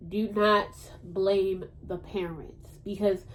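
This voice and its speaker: A woman's voice: medium pitch, fairly even intonation, slow, poor audio. A woman hosting a podcast in casual chat, talking in a rambling, blunt way and swearing freely. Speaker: podcast host.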